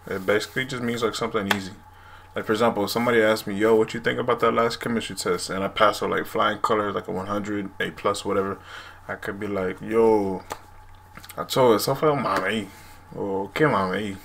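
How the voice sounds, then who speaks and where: A man's voice: lowish voice, level tone, fast, vocal fry, fairly bright tone. A man in his twenties explaining words casually to a camera at home. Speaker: language video host. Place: small room at home, indoors. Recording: noisy room recording.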